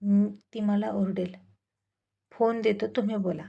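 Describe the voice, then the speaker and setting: Woman doing a gruff blustering husband. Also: medium pitch, fairly even intonation, unhurried, dull audio. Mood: teasing. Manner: teasing, then crude and blustering. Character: gruff short-tempered husband, adult man.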